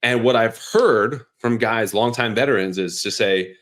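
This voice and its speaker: A man hosting a sports podcast, running down notes in an energetic, conversational way with lively emphasis. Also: on the low side, a little slow. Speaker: podcast host, sports reporter. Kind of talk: casual sports chat.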